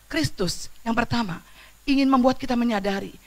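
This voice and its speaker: Her voice a little high and her speed normal, a woman preaches in church with an easygoing, vivid style. Loud exclamations give way to quiet storytelling, and she mixes in slang and questions aimed at the congregation.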